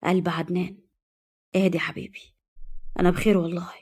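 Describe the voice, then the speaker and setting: Woman voicing a gruff Egyptian young man, low. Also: level tone, fast talker. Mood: tender hushed. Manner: low, hushed, threatening.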